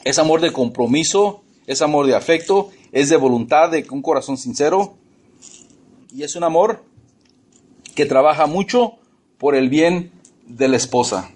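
Emphatic pastor preaching. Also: male voice, fairly high pitch, animated, unhurried, pauses often, darkish tone. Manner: emphatic, repeats words, asks the congregation questions. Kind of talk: sermon.

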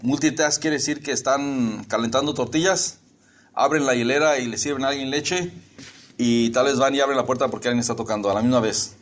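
A man's voice: mid-range voice, fairly quick. A man preaching a sermon, joking with the congregation and asking them questions.

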